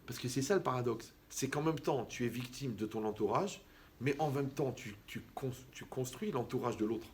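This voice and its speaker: A man giving a lively, conversational sermon as a rabbi, who acts out the people he quotes. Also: mid-range voice, normal speed, a little hiss or hum. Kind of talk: animated sermon.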